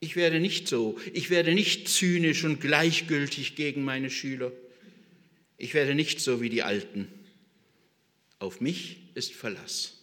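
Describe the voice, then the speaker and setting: A man's voice: mid-range voice, takes it slowly, a bit bright, big-room sound. A man playing an idealistic young female teacher making firm vows. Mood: determined.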